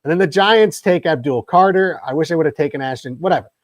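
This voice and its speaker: A man with a slightly raised pitch hosts a sports talk podcast, letting his stories wander through digressions and restarts. The sound is dry and close, with no room around it. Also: quick pace, dry recording. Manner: long-winded, rambling storyteller. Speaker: podcast host. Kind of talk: casual sports podcast chat.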